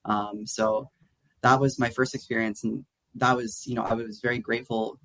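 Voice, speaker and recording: This young Atlanta guest rambles through a casual interview conversation, restarting often and leaning on "like." His medium-pitched voice sounds pushed and bright with a flat delivery at moderate pace, on a low-quality recording without echo.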